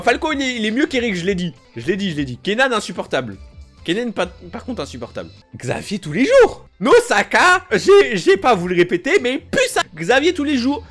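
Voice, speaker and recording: Lively, slangy young man chatting. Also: sits high. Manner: animated, slangy, emphatic and repetitive. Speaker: youtuber. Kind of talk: casual reaction chat.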